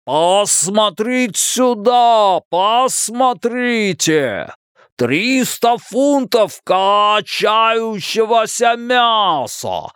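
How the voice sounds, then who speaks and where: A man reading aloud and voicing a loud, wisecracking boy who clowns and mocks his friends in a shrill, theatrical voice. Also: smooth, no room sound, studio quality, full character voice. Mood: mocking put-on.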